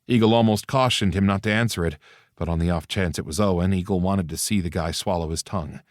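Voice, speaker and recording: Very deep male audiobook narrator. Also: fast, dry recording, clean studio sound. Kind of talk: scripted narration.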